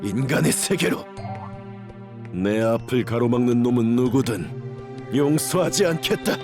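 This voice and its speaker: An actor playing a proud, defiant human mage in a fantasy game, with an intense, dramatic delivery. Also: male voice, medium pitch, lively intonation, a little slow, over music. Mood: defiant, angry. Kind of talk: scripted fantasy game voice acting.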